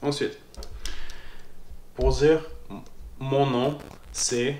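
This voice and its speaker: A man's voice: mid-range voice, little pitch movement, very slow, a little mellow. A man teaching a casual spoken language lesson, hesitant, repeating his words and often checking in with "ok?". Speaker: Moroccan Arabic teacher. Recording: echoey room with faint noise.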